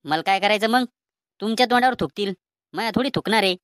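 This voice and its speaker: A woman voicing a bossy, stubborn old grandfather in a cartoon comedy, speaking with a Vidarbha Marathi accent in a gruff, defiant, threatening way. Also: mid-range voice, quick pace, very noisy, close to an everyday voice.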